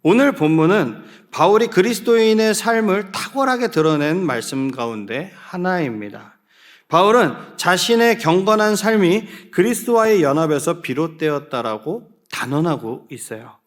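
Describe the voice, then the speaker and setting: Youth pastor guy giving a sermon, high voice that bounces all over, keeps asking the kids questions. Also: lively intonation, moderate pace. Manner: questions the listeners and calls for group readings. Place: church.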